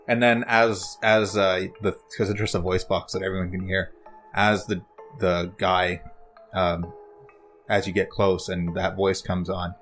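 A man narrating a tabletop game as game master, in a halting way full of fillers and restarts. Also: sits low, little pitch movement, fairly bright tone, soft background music.

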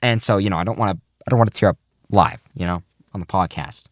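A man's voice: low-pitched, fast talker, no room sound. Rambling young man, dry close mic. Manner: mock-serious, rambling, trails off quietly. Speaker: podcast host. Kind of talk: casual goofy podcast chat.

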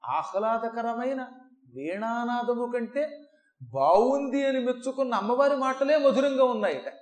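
A man giving a devotional scripture discourse, telling it in an animated way and changing his voice to act out the verses. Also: high voice. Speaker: Puranic discourse speaker. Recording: echoey hall recording.

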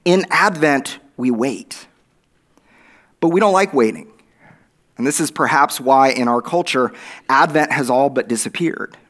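A middle-aged man from Oklahoma, USA, preaches a sermon conversationally in his Oklahoma accent, using a mid-range, fairly bright voice. He speaks a little slowly and pauses often, repeating phrases for emphasis and checking in with listeners through tags like "right?" and "okay?".

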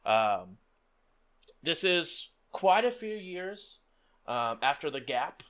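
Guy game master talking to his table, bright voice, pitch moves around a lot. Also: sing-song, slow. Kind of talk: hosting a tabletop roleplaying game.

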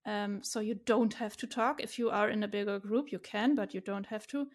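A woman with a German accent, a native German speaker, chatting as an interview guest, cheerful and quick to laugh, often restarting her sentences. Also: mid-range voice. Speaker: guest, community organizer. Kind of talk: casual interview chat.

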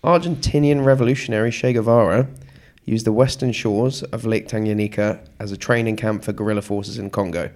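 Low-voiced man sharing trivia on a podcast. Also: fairly even intonation, a little fast, few pauses, darkish tone. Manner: enthusiastic, shares trivia and recommendations. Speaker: podcast co-host. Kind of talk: casual chat.

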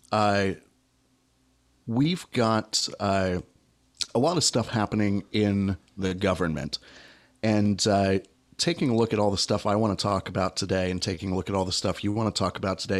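A man's voice: fairly low pitch, normal speed. A man hosting a podcast, easygoing, leading the topics in casual chat. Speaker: podcast host.

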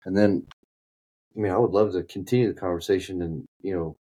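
A man's voice: deep voice, fairly even intonation, brisk, mellow, rough recording. A man with a Kentucky accent talking casually as a podcast guest, often repeating and restarting words as he searches for them. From Kentucky, United States.

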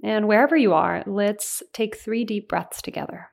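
A woman's voice: medium pitch, gravelly. Soothing woman guiding a meditation. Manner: soothing, unhurried delivery with gentle pauses. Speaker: meditation guide. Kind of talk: guided meditation.

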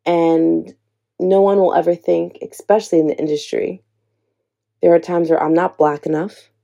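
In a muffled recording, a young woman with a gravelly, lower-than-usual voice addresses the camera at a moderate pace, sharing her personal story like a host. She sounds mellow, relaxed, earnest, and encouraging.

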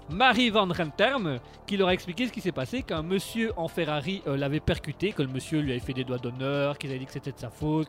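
A man's voice: high-pitched, a bit bright. A man hosting live radio, chatting through the news in a rambling, sarcastic way, full of fillers and restarts. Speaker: radio host.

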